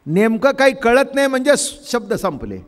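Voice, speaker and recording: A man's voice: very animated, normal speed. An older man preaching a Marathi kirtan, telling homely stories and acting out family voices. He quotes verses in a chanting lilt and puts questions to the audience. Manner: asks the audience questions and drops to a soft, low voice when explaining. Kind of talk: devotional kirtan discourse.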